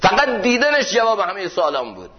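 A man delivers a sermon in a mosque, his voice sitting a little high. He tells stories at length and slows down to press each point home with questions. The recording is dull and lo-fi. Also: huge pitch swings. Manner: storytelling, slows down for emphasis and poses questions. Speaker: preacher.

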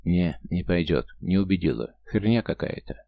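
A man voicing a crude, suspicious male police detective who talks slowly and bluntly in an audiobook. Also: deep voice, animated, dull audio, exaggerated voice. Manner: slow, blunt, rough.

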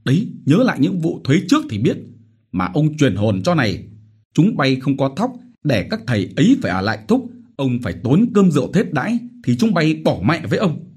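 A man voicing a brutal, bullying village chief who shouts threats and curses. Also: fairly high pitch, huge pitch swings, fairly quick, slightly rough, voice pushed up, heavily acted. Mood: threatening.

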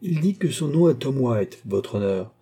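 A man's voice: medium pitch, animated, normal speed, dark tone, pitched above the performer's own voice, close to an everyday voice. A man voicing a sensible male police officer who answers the magistrate deferentially.

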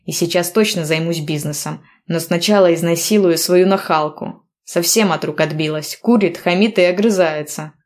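A cocky, teasing young man, voiced by a woman in a read-aloud story. He talks in playful, mock-stern banter. His voice sits fairly low for a woman. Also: moderate pace, hardly any pauses, darkish tone, lightly acted. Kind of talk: audiobook dialogue reading.

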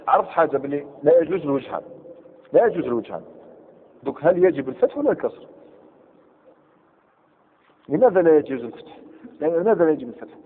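A man teaching a grammar class, quizzing his students and repeating each example. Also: fairly high pitch. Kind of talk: classroom lesson. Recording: tinny lo-fi recording in echoey hall.

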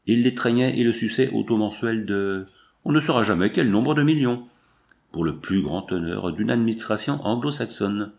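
A man narrating a novel aloud in a measured, literary storytelling manner. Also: on the low side, lively intonation, creaky, a little mellow. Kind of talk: audiobook reading of a novel.

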